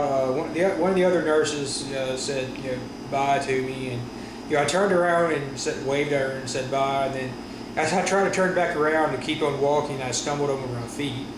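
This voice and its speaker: A man talking casually in a personal vlog after wisdom teeth surgery, with a sore stiff jaw, halting and often correcting himself. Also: on the high side. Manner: halting, rambling, frequent self-corrections. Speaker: vlogger. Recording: roomy echo with steady room noise.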